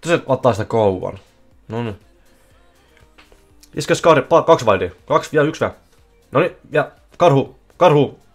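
A man streaming casino slot games live, giving excitable running commentary that bursts into yelling at big wins. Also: medium pitch, pauses often. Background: faint music playing.

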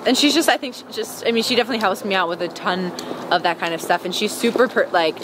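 A young adult singer from Wisconsin, United States, walks down a city sidewalk during an interview, chatting and giggling with lots of "like" and "um." Her mid-range voice moves at a quick pace, caught close up by a handheld camera with street noise behind it.

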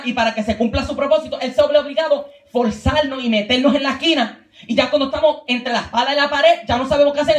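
Man preaching in an echoing church. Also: extremely high pitch. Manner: punctuates with praise exclamations, slips in English words. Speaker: preacher at a youth retreat. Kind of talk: sermon. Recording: echoey church room.

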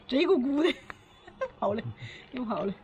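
Standing at a house doorway outdoors, a woman with a Northeastern Chinese accent chats casually in a blunt, earthy way. Her high, darkish voice is very animated yet a little slow, and the muffled recording carries noticeable outdoor background noise.

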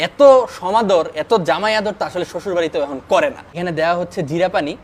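A young man hosting a food review vlog in a restaurant, talking excitedly and emphatically, often asking "okay?". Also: sits high, fast talker, a little hiss or hum. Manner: excited, emphatic, keeps asking "ঠিক আছে?". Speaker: food vlogger. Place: restaurant dining room.

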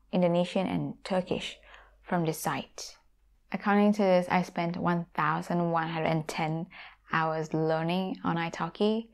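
A woman from Thailand with a Thai accent and a low, gravelly voice talks casually to camera as a YouTuber and language teacher. Using a lapel mic in a home room with guitars on the wall, she addresses viewers in a friendly, direct way.

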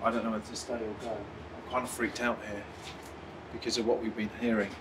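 A man's voice: fairly low pitch, little pitch movement, quick pace, background noise. A man on a paranormal investigation, talking urgently and calling out to spirits, recorded from a little distance. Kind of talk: unscripted ghost-hunting chatter.

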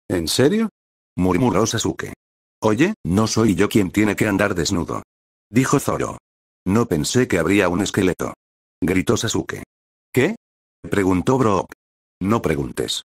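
Man, story narration, fairly low voice, dry close sound, steady even delivery. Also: no echo. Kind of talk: scripted narration of a fan story.

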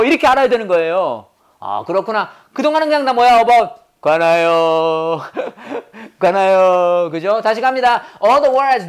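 A man teaching English grammar as a lecture. He asks quick questions, answers them himself, and says English phrases slowly and deliberately. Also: high voice.

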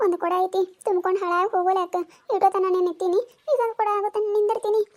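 A cranky old village granny, voiced by a woman, mutters curses and scolds her neighbours in a thick North Karnataka accent. The voice sits very high and the words rattle out fast. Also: steady tone, a little mellow. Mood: grumbling. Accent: North Karnataka Kannada. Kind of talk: cartoon voice acting.

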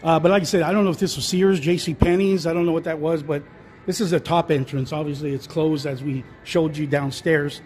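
With a fairly high pitch and fairly even intonation, a vlogger talks fairly quickly as he walks through an indoor shopping mall. His tone is a little mellow, and the rambling narration is full of fillers and restarts. He's off screen, filmed on a handheld phone with slight background noise.

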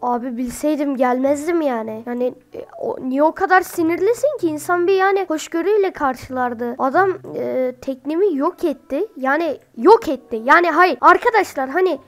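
A woman giving chatty let's-play game commentary, excitable and quick to burst into loud exclamations, speaking while sick. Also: high-pitched. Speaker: gamer.

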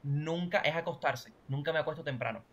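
A man's voice: fairly high pitch, brisk, fairly bright tone. A man teaching a language class online, explaining grammar and often checking that students follow. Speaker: Portuguese teacher.

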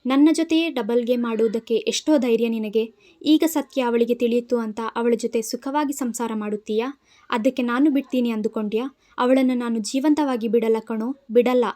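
A woman's voice: fairly high pitch, fairly even intonation, normal speed, mellow, lightly acted. A woman reading a scheming young villainess. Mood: vengeful. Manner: taunting, contemptuous.

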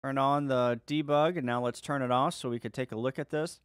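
Man giving a dry-sounding software walkthrough. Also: mid-range voice, fairly quick, clear, resonant tone, no echo. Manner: relaxed step-by-step walkthrough. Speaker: ham radio video host. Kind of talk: screen-share software tutorial.

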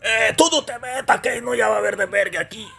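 A man voicing a touchy, loudmouthed male gorilla comedian who picks fights. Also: high voice, creaky, husky, pitched above the performer's own voice, full character voice. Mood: scolding. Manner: quick-tempered, threatening, indignant.

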